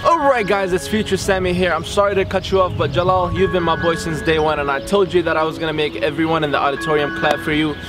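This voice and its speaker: A man's voice: on the high side, over music. Young man vlogging, hyped and chatty. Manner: excited, fast hype talk. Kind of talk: casual vlog chat. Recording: clear background noise.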